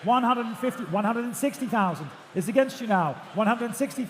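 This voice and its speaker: A man working as an auctioneer, calling bids in rhythmic, repetitive number patter, projecting loudly to a room. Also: very high-pitched, animated, quick pace. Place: large auction room with bidders. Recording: echoey auction hall, faint background noise.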